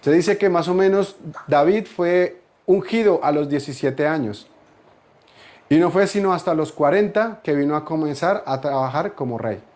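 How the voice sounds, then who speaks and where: Preaching pastor, higher male voice. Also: darkish tone. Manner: preaching with rising emphatic peaks and repeated phrases. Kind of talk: sermon.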